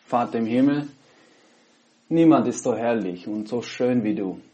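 A Dutch pastor, preaching in German with a Dutch accent, delivers an earnest online sermon and prayer from home through a laptop headset, often pausing between phrases. His voice is medium in pitch and warm, with the high frequencies cut off.

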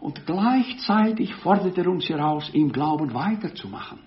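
Guy preaching, lively up and down voice, dull lo-fi sound. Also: on the high side. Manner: slow, emphatic, swelling to loud stresses. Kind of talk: sermon. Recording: dull lo-fi recording.

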